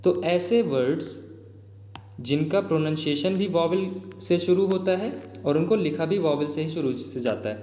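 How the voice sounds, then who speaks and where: Man, Indian accent, grammar teacher, fairly high voice, chatty check-ins, echoey room. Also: mellow. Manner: addresses viewers as "bhai", frequent "theek hai?" check-ins; reads English example sentences slowly and deliberately. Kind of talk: explanatory exam-prep lesson. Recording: echoey room with long reverb.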